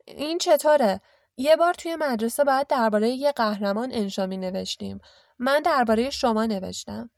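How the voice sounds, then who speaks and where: A spoiled, smug boy rattles off rehearsed good manners, as a woman reading the story puts him on. The voice runs high and fairly loud. Dry, close audiobook sound. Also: gravelly, no room sound.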